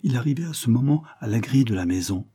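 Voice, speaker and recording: A man reading an audiobook voices a proud young wife who speaks with fervent, accusing emphasis, lifting his voice higher for her. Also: animated, quick pace, dark tone, breathy edge.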